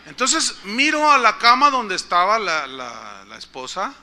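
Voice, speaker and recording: Mexican pastor man telling stories in a sermon, high voice, asks the church questions. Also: animated, unhurried, bright, forceful tone. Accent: Mexican Spanish. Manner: conversational, asks the congregation questions. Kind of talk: storytelling sermon.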